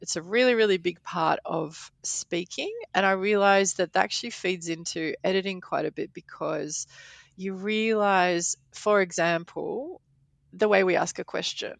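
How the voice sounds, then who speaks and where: A woman in her forties who grew up in Poland, now a podcast editor and language teacher, thinks aloud in a casual interview and explains with examples. Her voice is lowish and creaky at a normal speed, recorded dry.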